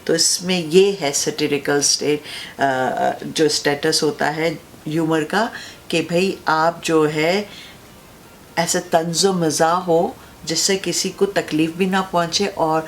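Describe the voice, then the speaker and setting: A woman's voice: low voice, fairly even intonation, a little hiss or hum. A woman teacher giving an explanatory talk to other teachers, often checking in with her listeners and mixing English phrases into her speech.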